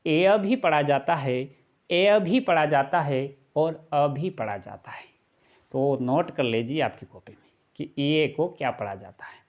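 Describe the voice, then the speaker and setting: In this classroom-style video lesson, a man whose voice sits on the high side walks through English pronunciation one step at a time. The audio has its highs cut off, and he patiently repeats every point while asking rhetorical questions.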